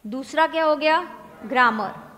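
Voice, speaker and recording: A woman teacher giving a lecture, dictating points slowly and repeating them for her students to write down. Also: high-pitched, a bit bright. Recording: long hall reverb.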